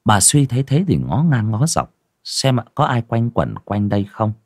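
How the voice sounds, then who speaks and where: Husky, dramatic male horror narrator. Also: mid-range voice, big pitch swings, normal speed, dry recording, clean studio sound. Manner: dramatic, lurid storytelling.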